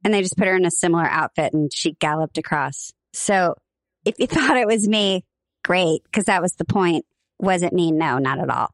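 Podcast co-host, woman from Nebraska, chatty storyteller, lower voice, dry studio sound. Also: expressive, moderate pace, dry recording. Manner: chatty, laughs often, rambling storyteller. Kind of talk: casual chat.

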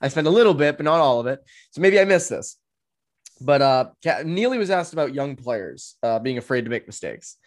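A man's voice: medium pitch, animated, fairly quick. A man appearing as a guest on a sports podcast, chatting casually and thinking aloud with lots of "um" and "you know".

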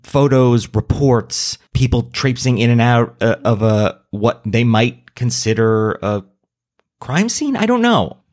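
A man in casual podcast conversation, with an ordinary mid-pitched voice. He thinks aloud hesitantly and pokes fun at himself. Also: animated, slow pace, a little mellow.

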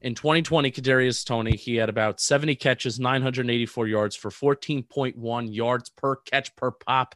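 A man with a mid-range voice running through football numbers one after another at a measured pace. His voice is dry and close-miked, and the talk stays casual. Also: mid-range voice, fairly even intonation, fairly bright tone, dry recording. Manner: reels off statistics, measured. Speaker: podcast co-host. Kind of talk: casual sports analysis chat.

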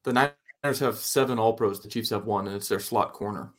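A male co-host analyzes football in casual conversation. His voice is on the low side and his delivery is blunt and opinionated. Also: a little fast, fairly bright tone. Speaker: sports show co-host.

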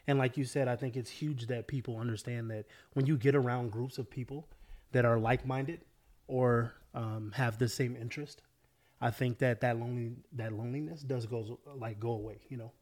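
A man's voice: mid-range voice, darkish tone. Congested, nasal man on a podcast. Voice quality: nasal, congested, as if nose is pinched. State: congested sinuses. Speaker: podcast guest. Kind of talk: casual podcast chat.

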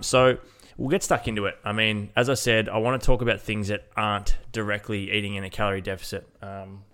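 A man's voice: lowish voice, fairly bright tone, clear, resonant tone. A man with a nasal, congested-sounding voice, hosting a casual solo fitness podcast in an informal way. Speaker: podcast host, fitness coach.

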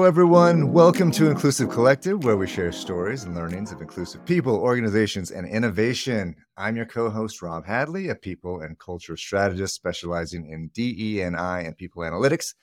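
A middle-aged man with a very low voice co-hosts a podcast. He chats casually, joking and rambling with plenty of fillers. The recording is dry and close. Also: no echo. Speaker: podcast co-host. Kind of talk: casual chat.

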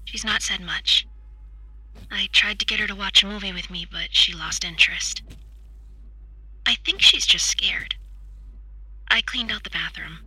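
A woman's voice: medium pitch, steady tone, husky, dry recording, rough recording. A woman playing a frightened teenage daughter on the phone. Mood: worried. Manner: hushed, anxious, halting. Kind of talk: audio drama acting.

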